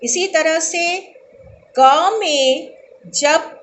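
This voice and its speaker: A woman teacher giving a recorded lesson to young children, slowly and deliberately saying sounds for them to copy and checking that they understand. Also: high voice, a bit bright, reverberant, poor audio.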